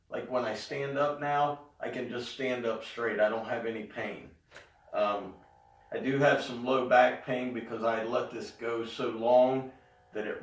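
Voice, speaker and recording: A middle-aged man giving a casual spoken update, talking haltingly with pauses in mid-sentence. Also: mid-range voice, a little hiss or hum. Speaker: vlogger giving a health update. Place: indoors in an echoey room. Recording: echoey room, distant mic.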